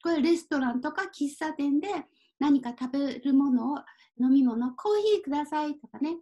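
A woman gives a Japanese kanji reading lesson slowly and carefully, adding simple English explanations. Her voice is high with a dark tone, and she apologizes and laughs at a typo she made.

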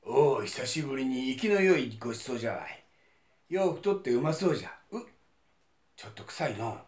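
A man's voice: medium pitch, very animated, normal speed, darkish tone, lightly acted. Man acting a big greedy demon, Kansai accent, gloating, echoey room. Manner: gloating, blunt. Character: huge greedy male man-eating demon.

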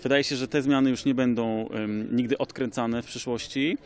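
A man, a lawyer, giving an expert comment in a measured way, often pausing with hesitation fillers. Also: medium pitch, fairly even intonation. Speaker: lawyer commenting on tax changes.

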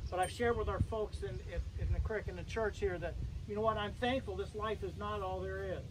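Older American pastor, high-pitched, noisy outdoors. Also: male voice. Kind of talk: graveside sermon and prayer. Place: outdoors under a canopy at a cemetery. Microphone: camera several meters away. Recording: noisy outdoor recording from camera. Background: clear outdoor ambient noise.

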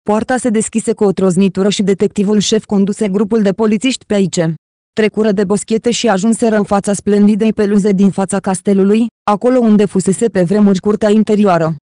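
An audiobook narrator reading a novel in a steady, even manner. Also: medium pitch, no room sound, clean studio sound. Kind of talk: scripted narration.

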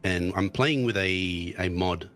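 This low-voiced man takes his time, his tone a touch bright. Still getting over tonsillitis, the guest streamer talks casually about his game, full of ums and false starts.

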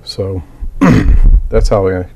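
Coughing at times as he recovers from a cold, a male miniature hobbyist gives a casual tutorial, plainly and methodically walking through a hobby build with frequent fillers. His low, mellow voice has vocal fry and little pitch movement, at a moderate pace, with slight background noise.

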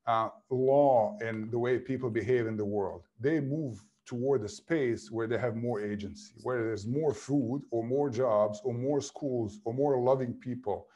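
A middle-pitched man in his fifties talks over a video call from a book-lined home office, computer mic. He builds his points slowly in long, reflective sentences, like an author on a panel. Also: a little mellow, dull audio. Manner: thoughtful, builds ideas in long clauses. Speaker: author guest.

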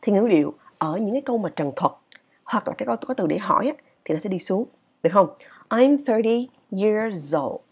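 A woman teaches English in a relaxed video lesson. Her voice is husky and her pitch swings widely as she talks. She keeps a chatty, animated rhythm and keeps checking in with her listeners. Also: quick pace.

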